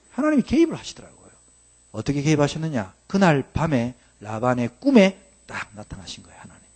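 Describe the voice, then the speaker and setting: Animated male preacher with a lively voice. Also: medium pitch. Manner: animated storytelling preacher, acts out quoted characters. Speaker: pastor. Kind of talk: sermon. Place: church sanctuary.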